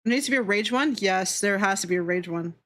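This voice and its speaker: This woman's mid-range, somewhat bright voice moves fast. She's a streamer and VTuber who draws while joking around with her audience, teasing, giggling, and cursing openly.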